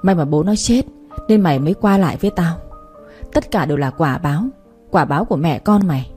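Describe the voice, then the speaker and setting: A woman voicing a drunken, abusive older village man who shouts and curses. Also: deep voice, brisk, faint music behind, close to an everyday voice. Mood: raging. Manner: shouting, cursing.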